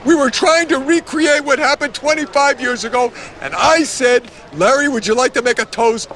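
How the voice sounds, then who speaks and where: A man's voice: extremely high pitch, moderate pace, a bit bright, a little hiss or hum. An actor playing an indignant middle-aged man who scolds a guest for leaving his party early, in a sitcom scene. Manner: huffy, scolding.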